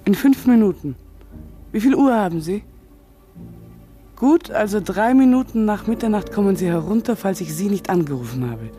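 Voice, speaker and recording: An actress in a radio play voicing a nurse, uneasy and hushed. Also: female voice, mid-range voice, animated, normal speed, faint music behind, lightly acted.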